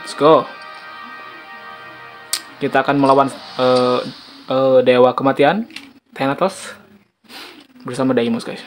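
Excitable Indonesian man doing game commentary. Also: medium pitch, moderate pace, pauses often. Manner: excitable, chatty, slipping between Indonesian and English. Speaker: gaming video host. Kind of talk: casual gameplay commentary. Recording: game music behind the voice. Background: video game soundtrack.

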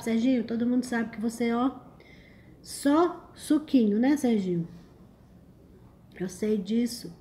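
A woman's voice: fairly high pitch, dark tone. A woman with a Brazilian accent hosting a casual livestream, greeting viewers and teasing them in a chatty, exclamatory way. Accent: Brazilian Portuguese. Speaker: livestream host. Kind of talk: casual live chat, reading comments.

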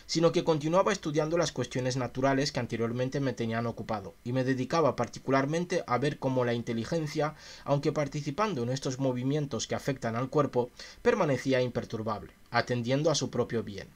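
A man's voice: mid-range voice, brisk, few pauses. Chatty man musing on a stream. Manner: reads passages aloud then muses with chat in a chatty, questioning way. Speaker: streamer reading philosophy. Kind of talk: casual reading and commentary on a livestream.

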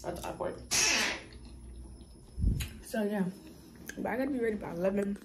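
A woman's voice: mid-range voice, normal speed. A young woman vlogging on her phone camera in a rambling, chatty way, with lots of fillers. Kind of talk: casual vlog chat. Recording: noisy phone recording.

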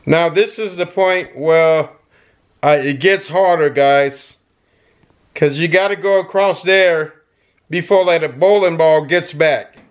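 A middle-aged man giving casual gameplay commentary into a headset mic, breaking into excited shouts and yelps. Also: fairly high pitch, takes it slowly, highs cut off. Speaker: gaming YouTuber. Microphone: gaming headset.

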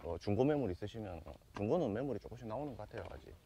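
On a seaside walkway, the host of a fishing channel chats casually while explaining his gear. His voice is fairly low and warm, expressive and very fast. The outdoor recording sounds dull, with faint noise in the background.

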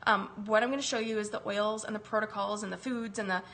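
A woman in her thirties speaks fast in a steady, medium-pitched, slightly bright voice, with slight background noise behind her. She hosts a wellness live stream from her home kitchen, recovering from a chest virus and greeting viewers by name. The phone camera is close.

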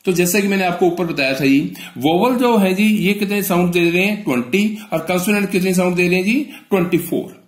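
A man from northern India teaching an exam-prep lesson in a slightly high voice. He asks questions and answers them himself, with polite "ji" all through. The room is echoey. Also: a little fast, few pauses. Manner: addresses the students with a polite "ji".

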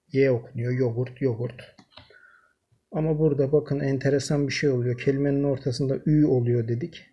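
Male teacher, husky and mellow, steady explainer speaking straight to his students. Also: mid-range voice. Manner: explains step by step, addresses viewers directly. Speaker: language teacher. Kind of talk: screen-recorded language lesson.

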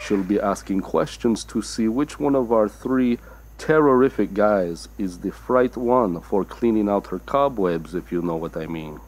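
A man's voice: fairly low pitch, measured pace, darkish tone. A man voicing a campy Dracula who hosts a dating game show in a comedy animation, flirty, teasing and full of puns. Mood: showy, teasing. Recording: noisy, with crowd sounds behind.

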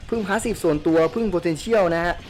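A man giving casual gameplay commentary as a channel host, excitable and crude, often yelling at the game characters as they fight. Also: high voice, unhurried, soft background music.

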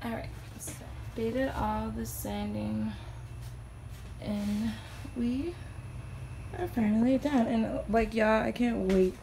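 A young woman vlogger talks casually about renovating her small trailer in a walkthrough shot on a handheld phone, addressing viewers as "y'all" and dropping to a whisper at moments. Her voice is fairly high, creaky and warm, slow with long pauses. The phone audio is noisy, with sanding audible.

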